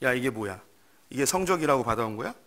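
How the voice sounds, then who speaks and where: A man's voice: medium pitch, animated, fast. A man voicing an angry father who berates his son over a bad report card in a sermon skit. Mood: berating. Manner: loud and berating.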